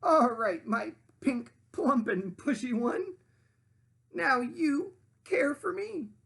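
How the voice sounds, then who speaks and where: A woman voicing a bossy, gloating little storybook witch with a crowing, drawn-out, commanding delivery. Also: high voice, expressive, gravelly, a bit bright, voice pushed up, full character voice. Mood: haughty, commanding.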